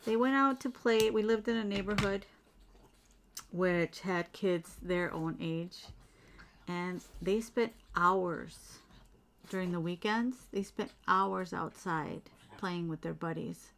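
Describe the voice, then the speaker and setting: A woman's voice: lowish voice, takes it slowly, gravelly, a bit bright, slight background noise. A middle-aged woman chatting casually at home while doing beadwork, rambling and reading out viewer comments. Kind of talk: casual livestream chat while beading.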